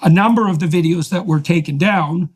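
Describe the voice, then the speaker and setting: A man hosting a heated interview, pressing his points forcefully in long, winding sentences. His voice sits a little higher than most men's. He stacks clause upon clause without letting up. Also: brisk, slightly rough. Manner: emphatic, forceful arguing in long run-on sentences. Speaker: podcast host.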